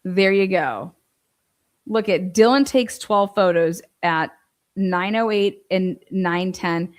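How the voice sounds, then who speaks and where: Taking it slowly in a medium-pitched voice, a woman reads from a transcript as part of casual true-crime commentary. She keeps breaking in with skeptical, pointed asides and rhetorical questions.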